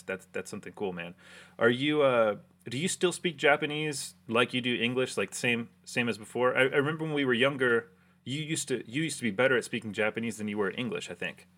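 A young American man hosting a relaxed, rambling chat with an old friend, full of fillers. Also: mid-range voice. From United States. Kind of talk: casual chat.

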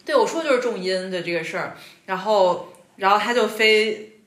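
A woman hosting a podcast, chatting casually and telling an anecdote with lively energy. Her voice sits at a middling pitch and carries the echo of a reverberant room. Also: normal speed. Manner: animated storytelling with laughs. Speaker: podcast host. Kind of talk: casual chat.

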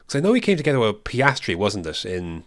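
A man's voice: on the low side, fast talker, no echo. A young man co-hosting a motorsport podcast in casual, opinionated chat. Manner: animated, opinionated, swings between excited and dry asides. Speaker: podcast co-host.

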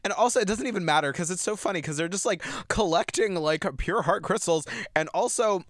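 A man's voice: high-pitched, brisk, a bit bright, dry recording, clean studio sound. A man co-hosting a podcast, recapping a show in a rambling casual chat full of fillers and laughs. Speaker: podcast co-host.

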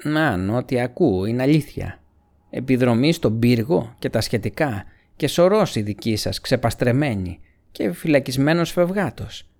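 A man putting on a sneering orc tracker from a storybook, higher and louder than the narration, rough gravelly throat, scornful and quick to yell. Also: lively intonation, lightly acted. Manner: mocking, grumbling, flaring into shouts. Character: snarling male orc tracker, bitter and insolent.

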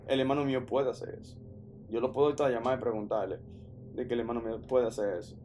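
A man from the Dominican Republic with a Dominican accent, casually telling a personal story in an animated, slangy way, often restarting his sentences. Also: mid-range voice, quick pace, slight background noise. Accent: Dominican Spanish. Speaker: podcast storyteller.

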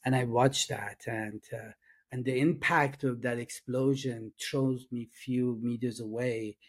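A middle-aged man with an Iranian accent, a Persian speaker, answers questions as a guest in a casual interview, with a halting, earnest, soft-spoken delivery full of fillers and restarts. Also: medium pitch, steady tone. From Iran. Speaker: guest, addiction and trauma coach.

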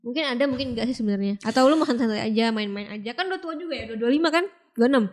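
A woman hosting a podcast interview, teasing her guest with quick, playful questions. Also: on the high side, lively intonation. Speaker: podcast host. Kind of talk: casual interview chat.

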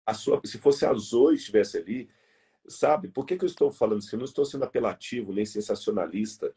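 Very husky, low Brazilian man. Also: brisk, mellow. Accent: Brazilian Portuguese. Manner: emphatic, repeats key words and restarts phrases. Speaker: interview guest. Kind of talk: earnest conversational argument.

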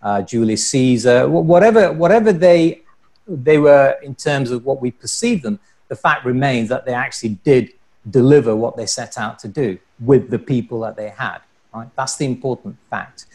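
A man's voice: mid-range voice, normal speed, a little mellow. A man moderating an online panel discussion over a video call, chatty and repeating words as he starts sentences. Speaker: panel host.

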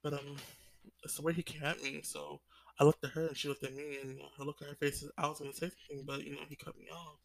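Gravelly young man venting, rambling. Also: on the high side, little pitch movement, fast. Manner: rambling, full of "like" fillers, sighing. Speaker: vlogger. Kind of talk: confessional vlog talk.

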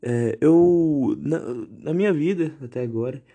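A young man hosting a podcast, delivering an indignant, sarcastic, swear-filled rant with big pitch swings. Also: a little slow, mellow. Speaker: podcast host. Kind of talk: ranting podcast monologue.

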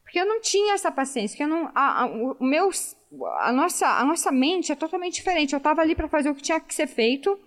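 A woman's voice: sits high, fast. A woman, a former professional athlete, telling a story in casual chat and acting out what people said. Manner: animated storytelling, acts out quotes. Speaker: former professional triathlete guest.

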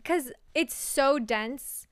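A young woman as a podcast guest, joking and teasing in quick banter with lots of laughter. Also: sits high, dry recording. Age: young adult. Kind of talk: casual chat.

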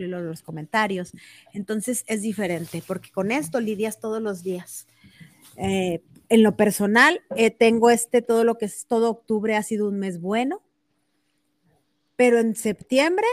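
A woman co-host chats casually and emotionally, often acting out what others said to her. Her voice sits somewhat high. The sound is close and dry, with no room behind it. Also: no echo. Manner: emotional, animated retelling with quoted dialogue. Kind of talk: casual chat.

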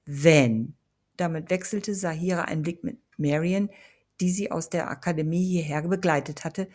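A woman reading a fantasy novel aloud in a steady storytelling manner. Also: fairly low pitch, normal speed. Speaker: audiobook reader.

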